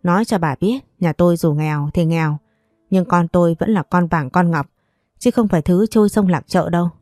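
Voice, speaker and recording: Blunt scolding mom, protective, low mellow voice woman reading her. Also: a little fast, no echo, clean studio sound, faint music behind, lightly acted. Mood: angry. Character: fierce protective mother, middle-aged woman.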